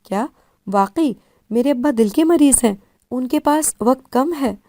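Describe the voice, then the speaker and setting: A woman's voice: sits high, animated, mellow, no echo, clean studio sound. A woman voicing a timid, curious teenage girl who asks anxious questions in a storybook reading.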